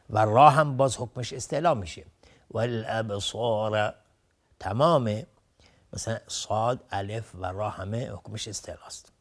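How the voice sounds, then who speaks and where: A man teaching Quran recitation on a TV lesson, chanting short phrases slowly and then explaining each rule in plain, steady speech, repeating words so learners can follow. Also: on the low side. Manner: repeats words to drill pronunciation.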